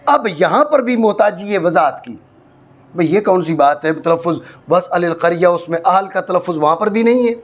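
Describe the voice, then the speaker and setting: A man's voice: sits high, animated. A man from Pakistan, teaching a grammar class, explaining step by step and often checking that his students follow. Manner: explains step by step, repeats points, checks understanding. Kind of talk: classroom lecture on Arabic grammar.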